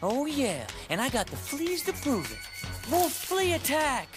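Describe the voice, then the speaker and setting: A woman's voice: sits high, wildly swooping pitch, unhurried, loud music behind the voice, heavily acted. A woman voicing a cocky young boy skater hero in a cartoon, brash and punchy.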